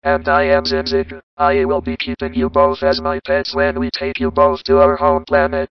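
A man's voice: extremely low pitch, completely flat delivery, normal speed, smooth, dry recording. A man voicing a sinister alien brother. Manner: stiff, formal, robotic delivery. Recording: dull lo-fi sound.

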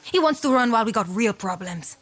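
A woman's voice: on the high side, lively intonation, a little fast, a bit bright. A woman playing an indignant, sweary young rebel in video game dialogue.

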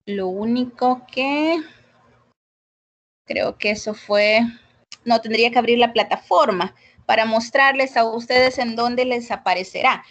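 A woman's voice: fairly high pitch, unhurried, a bit bright, muffled recording. A woman teaching an online English class over a video call, chatty and full of fillers, checking in with her students. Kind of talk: casual online class explaining grading. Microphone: computer mic on a video call.

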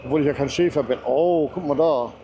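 Man, motorcycle vlogger, helmet mic, mellow tone, faint engine and wind noise, chatty commentary. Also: on the high side, a little fast, lo-fi sound. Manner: chatty, enthusiastic, talks to himself and viewers. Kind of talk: casual running commentary while riding. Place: on a motorcycle outdoors on a mountain road.

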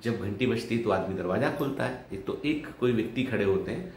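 A man's voice: fairly low pitch, animated, brisk. A man hosting a vlog, telling a story in a casual, conversational way and often adding "ठीक है" as a tag. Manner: conversational, with frequent "ठीक है" tags. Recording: roomy echo, faint background noise.

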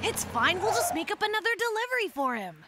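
A woman voicing an eager, evasive young boy in a cartoon, excitable and a little awkward. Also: extremely high pitch, quick pace, background noise. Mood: hurried. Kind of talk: animated cartoon voice acting.

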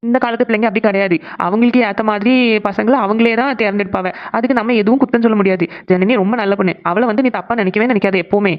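Lady putting on a deep-ish old dad voice, calm advice, dull lo-fi sound, quick. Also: natural voice. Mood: reassuring. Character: older village father, calm and advising. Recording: dull lo-fi recording.

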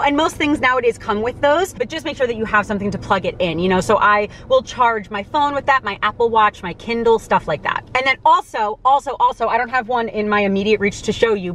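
A young woman from the States chatting to camera from inside a parked car, talking quickly and animatedly with lots of fillers. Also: a little high, a bit bright, a little hiss or hum. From United States. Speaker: vlogger. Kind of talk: casual vlog talk to camera. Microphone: camera on dashboard.

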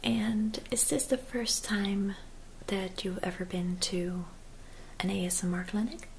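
A woman in her twenties doing a whispered role-play as a spa attendant, speaking softly and gently in an attentive, whispery voice. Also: mid-range voice, fairly even intonation, a little slow, slight background noise. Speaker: ASMR performer playing a spa clinic receptionist and therapist. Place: small dim room at home.

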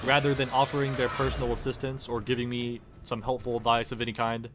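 A parody series creator dubs a game comedically, voicing the player character with sarcasm, exasperation and swearing. He talks fast in a mid-range voice with little pitch movement, over game music.

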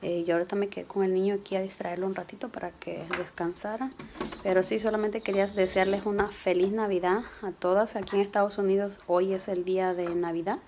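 Hoarse female home vlogger, chatty and affectionate, phone-recorded with background noise. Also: mid-range voice, little pitch movement, brisk, a little mellow. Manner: chatty, affectionate, coaxing with her child. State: slightly hoarse. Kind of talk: casual home vlog.

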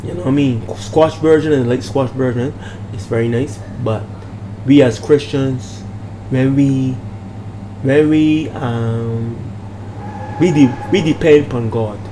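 Slow and medium-pitched, an older Bajan-accented minister talks casually on his own vlog, emphatic and preachy, circling back to repeated phrases and asking after his listeners. He records indoors in a small home room full of steady background hum.

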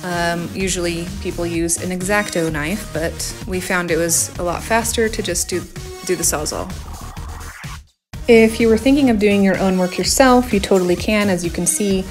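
A woman in her thirties narrating her home renovation vlog casually, chatty and blunt, often pausing with "um". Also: on the low side, darkish tone. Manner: chatty, blunt, with frequent "um" fillers.

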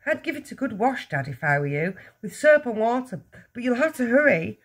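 A woman as a quiet, composed little girl. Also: a little high, brisk, breathy edge, pitched above the performer's own voice. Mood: calm, innocent. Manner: quiet, calm, matter-of-fact. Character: composed, sly, innocent-sounding little girl. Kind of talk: children's storybook reading.

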